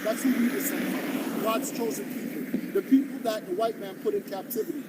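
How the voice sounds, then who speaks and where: High-pitched guy from jamaica street preaching, pushy rhetorical questions, far off mic with traffic noise. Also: very animated, fairly quick. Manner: emphatic, confrontational, fires rhetorical questions.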